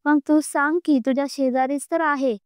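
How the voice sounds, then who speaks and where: A woman's voice: high voice, fairly even intonation, moderate pace, no room sound, clean studio sound, close to an everyday voice. A woman reading the lines of a blunt, sarcastic, coaxing man in a storybook romance. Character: blunt outspoken man, the groom's friend.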